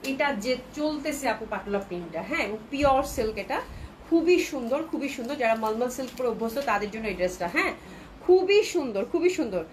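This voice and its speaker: A woman with a Bangladeshi Bengali accent hosting a live clothing sale, chatting with viewers and repeating prices, with a cold that keeps her speaking softly. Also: fairly high pitch, animated, a little fast, slight background noise. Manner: chatty, repeats prices, mixes in English words. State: has a cold, talking softly to avoid coughing. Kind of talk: live sales chat with viewers.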